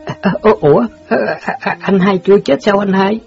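A woman's voice: deep voice, animated, normal speed, a little mellow, slightly rough, lo-fi sound, soft background music, voice pushed down, full character voice. A woman voicing a jittery young man who is terrified of ghosts, talking in a stammering, pleading way. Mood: startled.

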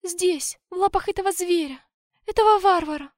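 A woman's voice: on the high side, fairly even intonation, slow, clear, resonant tone, no echo, clean studio sound. A woman voicing a possessed young female elf whose voice swings between wailing, drunken slurring and cold threats. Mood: tearful lament.

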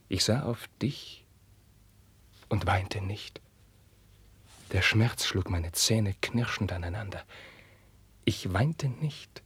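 An actor playing a young prince torn by forbidden love, declaiming classical verse with passion and dropping into hushed whispers. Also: male voice, on the low side, breathy edge, dry recording. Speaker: actor in a radio play. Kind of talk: classical verse radio drama.

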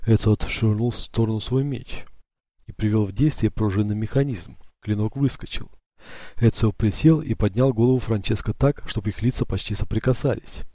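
A man narrating an audiobook in a steady, measured way. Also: fairly low pitch, dry recording. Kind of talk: scripted narration.

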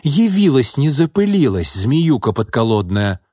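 A man voicing a feisty old woman servant who talks loudly and bluntly, scolding. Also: medium pitch, animated, a little slow, slightly rough, no room sound, studio quality. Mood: fierce gleeful.

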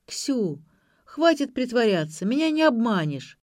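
A man's voice: very high-pitched, sing-song, a little slow, no echo, studio quality, pitched above the performer's own voice, exaggerated voice. A woman reading aloud voices a cheeky young guy who talks bluntly in slang, with a drawl. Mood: teasing.

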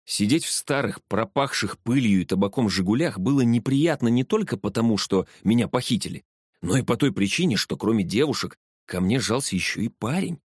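A man narrating a first-person story with a steady storytelling delivery. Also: mid-range voice, a little fast, breathy edge, no room sound, clean studio sound. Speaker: audiobook narrator.

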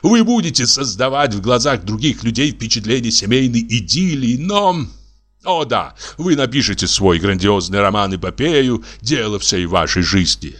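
A man's voice: medium pitch, sing-song, moderate pace, a bit bright. Man with a theatrical, prophetic delivery. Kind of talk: dramatic audiobook reading.

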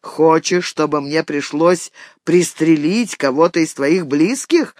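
A man voicing a menacing masked male gunman in an audiobook, speaking in a low, throaty near-whisper. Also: slow, darkish tone, no echo, clean studio sound. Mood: threatening.

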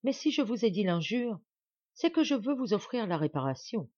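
Brief: woman narrator playing a fiery young aristocrat, lively exclaiming delivery, audiobook, dry lo-fi sound. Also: lowish voice, moderate pace, slightly rough, no echo. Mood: ardent. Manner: ardent, rising exclamations. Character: young nobleman, impulsive and passionate.

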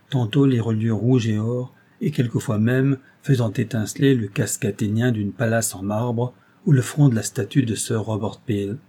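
A man narrating a classic novel as an audiobook in a measured, steady storytelling manner. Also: lowish voice, breathy edge.

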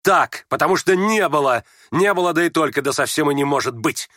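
A man's voice: fairly high pitch, expressive, fairly quick, a bit bright, no echo, clean studio sound, voice pushed up. A man snapping as a bitter young son. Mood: angry. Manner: scornful, snapping.

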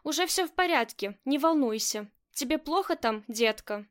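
A doting middle-aged husband speaking softly and fondly, an audiobook character given a high voice by a woman reader. His tone stays gentle and loving throughout. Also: expressive, moderate pace. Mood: tender. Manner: soft and affectionate.

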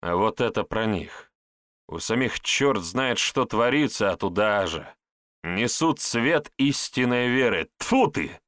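A man's voice: fairly low pitch, animated, slow, a bit bright, no echo, studio quality. A man voicing a blunt, sardonic male hero who speaks in a mocking, scornful way. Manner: mocking, scornful, plain-spoken.

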